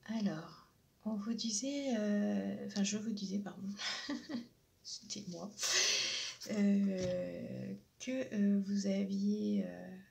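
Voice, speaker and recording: A woman giving a spiritual oracle card reading. She talks hesitantly with many fillers and often drops into a soft half-whisper. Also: medium pitch, fairly even intonation, slow pace, vocal fry, a little hiss or hum.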